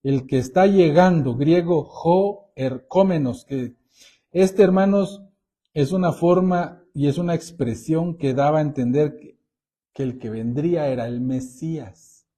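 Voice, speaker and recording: High-voiced, mellow male preacher. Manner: deliberate, addresses listeners as brothers. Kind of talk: Bible teaching sermon.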